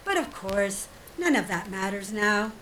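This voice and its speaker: Apologetic and explaining, an audio drama actress voices a genteel woman who is coolly devious yet feigns sweet innocence, her delivery polite, hesitant and drawn out. She has a medium-pitched, expressive, slightly bright voice, and the recording is rough.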